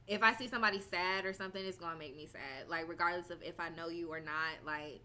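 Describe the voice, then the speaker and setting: A woman hosting a relaxed podcast conversation, her voice strikingly bright and sharp. She talks loosely and expressively and laughs often. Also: on the low side, fast. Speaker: podcast host. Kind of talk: casual podcast chat.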